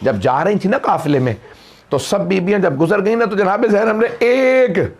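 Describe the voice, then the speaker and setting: A man's voice: high-pitched, expressive, moderate pace. A middle-aged man, a Shia cleric, recites a mourning sermon and rises to wailing peaks in the quoted lines.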